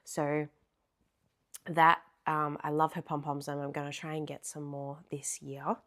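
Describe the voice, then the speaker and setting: A woman's voice: deep voice, level tone, unhurried, a bit bright. A young Australian woman, a crochet vlogger, chatting casually and rambling, with lots of ums as she shows off her makes. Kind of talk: casual show-and-tell chat.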